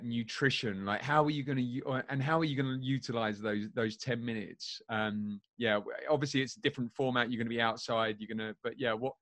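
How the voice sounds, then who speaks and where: A man's voice: mid-range voice, fairly bright tone, no echo. A man hosting a casual interview, asking questions with many ums and restarts. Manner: hesitant, full of ums and restarts. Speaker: host, interviewer.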